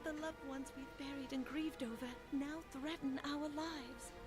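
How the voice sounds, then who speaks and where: A grieving, embittered townswoman from a fantasy game. Her voice is high, over clearly audible music. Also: steady tone, measured pace. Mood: bitter grief. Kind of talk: video game character acting.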